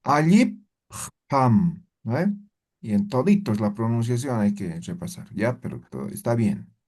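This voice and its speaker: A man's voice: on the low side, big pitch swings, moderate pace, dark tone. A male language teacher correcting his students' pronunciation in an online class, speaking patiently and hesitantly with many fillers. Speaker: Aymara teacher.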